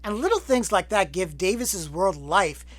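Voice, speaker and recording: A man's voice: high voice, lively intonation, normal speed, loud music behind the voice. A man hosting a film retrospective, talking with sarcastic, profane jokes between clips. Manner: sarcastic, profane, joking asides. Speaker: film review host.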